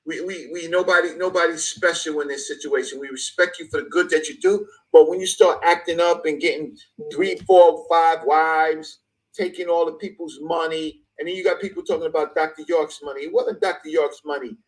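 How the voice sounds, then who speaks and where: A man's voice: fairly high pitch, steady tone, a little fast, poor audio. A man in his fifties speaking passionately in conversation, stressing points by repeating phrases. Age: 50s. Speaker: guest speaker.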